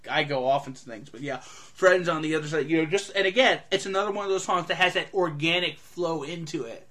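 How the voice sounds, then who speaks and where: A man's voice: fairly high pitch, fairly bright tone. Eager rambling man reviewing a film. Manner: enthusiastic, rambling, many fillers. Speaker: movie reviewer. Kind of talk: casual monologue review.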